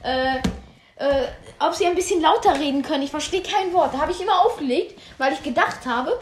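A giggly young woman with a high voice co-hosts a casual podcast, rambling and losing her thread as she tells her stories. The room rings with echo. A faint hiss sits under her voice. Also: fairly quick. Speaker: podcast co-host. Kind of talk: casual chat.

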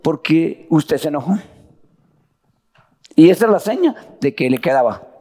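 A man's voice: on the high side, expressive, normal speed, dark tone, big-room sound. A man preaching a sermon, who keeps calling his listeners "brother" and asking them to agree. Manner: keeps addressing listeners as "hermano" with tag questions.

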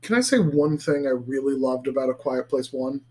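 A man co-hosting a casual podcast chat with friends, animated and profane, rambling through tangents with lots of fillers. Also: moderate pace. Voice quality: animated, swears freely, goes high and shrill when laughing. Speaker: podcast co-host. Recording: several people chatting around one mic.

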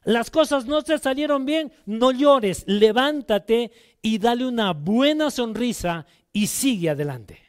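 A man preaching a sermon as pastor, telling a personal story and putting direct questions to the congregation, loud one moment and quiet the next. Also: expressive, a little slow, hardly any pauses, clear, resonant tone. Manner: emotional storytelling, swings between loud exhortation and quiet low asides.

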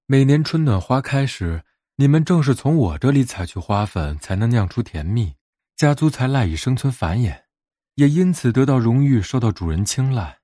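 A man's voice: mid-range voice, animated, normal speed, warm tone, no echo, clean studio sound, close to an everyday voice. A man voicing a boastful, self-important peach tree in a storybook, lecturing pompously about the gratitude it is owed. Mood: boastful, demanding. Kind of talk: storybook character voice in narration.

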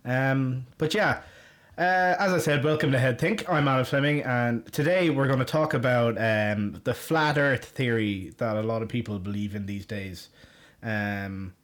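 A man's voice: mid-range voice, measured pace, a bit bright. A man of thirty-one with a west of Ireland accent, hosting a solo podcast in casual, rambling, informal chat. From Galway, west of Ireland. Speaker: podcast host. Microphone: condenser shotgun mic.

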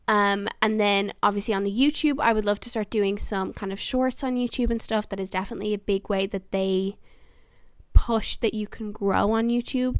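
A woman's voice: mid-range voice, no room sound. Chatty young woman podcaster, dry close sound. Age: 20s. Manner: chatty, earnest, many fillers and restarts. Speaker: podcast host. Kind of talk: casual solo podcast chat.

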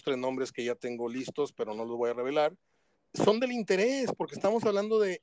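A man's voice: mid-range voice, smooth, dry recording. Effusive radio host in his sixties. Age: 60s. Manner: effusive, formal and flattering. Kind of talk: radio interview.

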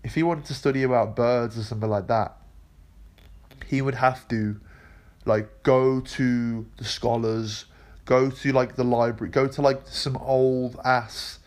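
A man's voice: mid-range voice, fairly even intonation, a little slow, a little mellow. A man with a nasal, congested voice from a cold, explaining history in a rambling, casual monologue full of fillers and the odd swear word. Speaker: video essay host.

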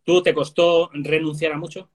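A man's voice: a little high, level tone, normal speed. A man hosting an interview, asking long, encouraging questions. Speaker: interviewer, host. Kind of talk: conversational interview.

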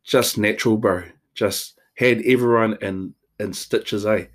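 A man's voice: on the low side, steady tone, measured pace. A man with a Māori New Zealand accent co-hosts a podcast, chatting casually in a laid-back, slangy, matey way. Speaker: podcast co-host. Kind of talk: casual chat.

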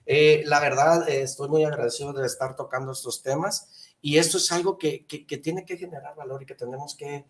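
Man, folksy speaker, higher voice, retells jokes in voices. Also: steady tone, a little fast. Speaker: speaker who gives conferences. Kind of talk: casual faith discussion.

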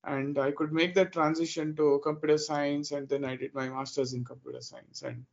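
Indian man, 30s, interview guest, hesitant and filler-heavy, fairly high voice, lo-fi sound. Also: flat delivery, normal speed. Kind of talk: interview answers.

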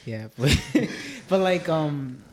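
Male podcast host, slightly high pitch, casual slang, light background noise. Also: animated, extremely slow.

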